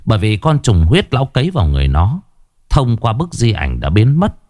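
Low-voiced male horror storyteller. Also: a little fast, no room sound, studio quality. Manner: dramatic, lively storytelling.

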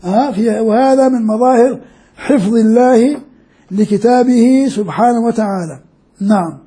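An older male scholar lectures his students, speaking in a strikingly high yet mellow voice. He explains patiently and repeats key phrases for emphasis. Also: normal speed. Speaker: sheikh and professor lecturing. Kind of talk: classroom lecture.

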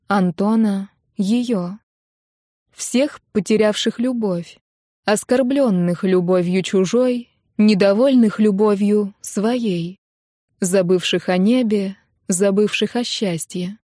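A young woman narrating a first-person audiobook in an emotional, intimate, measured way. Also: mid-range voice, mellow, dry recording, clean studio sound.

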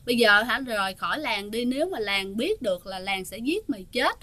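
A man's voice: high-pitched, big pitch swings, fairly quick, bright, forceful tone, dry recording, full character voice. A woman voicing a frightened old village father. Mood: alarmed.

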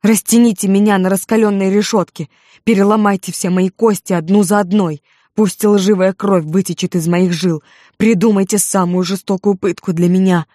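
A woman voicing a hoarse, guilt-wracked male disciple in an audiobook, shouting in anguish. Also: lowish voice, slow, no room sound, clean studio sound. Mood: raging. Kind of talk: audiobook character voice.

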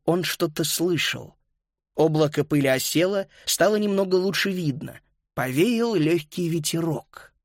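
A man narrating a children's story as an audiobook, lively and voicing each child. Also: on the high side, a little slow, no room sound, clean studio sound.

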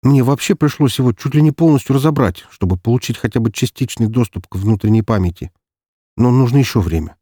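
A man's voice: mid-range voice, fairly quick, mellow, no echo, studio quality, pitched above the performer's own voice, lightly acted. A man voicing an exasperated male tech specialist in an audiobook, protesting indignantly.

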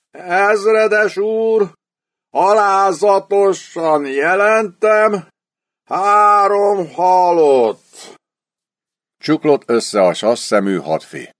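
Expressive male audiobook narrator. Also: on the low side, no echo, clean studio sound. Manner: expressive storytelling reading. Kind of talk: scripted literary narration.

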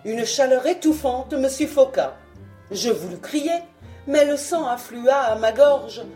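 Give me a woman narrating an audiobook with an animated, dramatic voice. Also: sits high, a little slow, soft background music. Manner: expressive dramatic reading. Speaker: audiobook reader. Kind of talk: scripted narration.

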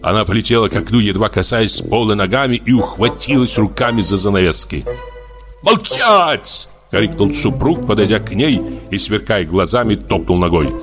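A man narrating a literary audiobook with an expressive, lively reading. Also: on the low side, a little fast, hardly any pauses, over music.

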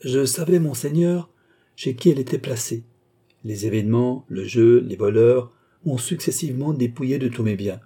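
A man reading a cold, composed count who calmly demands repayment, keeping a polite but unyielding manner. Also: medium pitch, normal speed, husky. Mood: cool. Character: icy, composed male count and sorcerer-creditor.

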